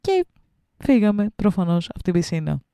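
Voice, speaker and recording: A woman co-hosting a podcast, reading a listener's story aloud with lively, animated delivery and chatting casually. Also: lowish voice, clean tone, dry recording. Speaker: podcast co-host.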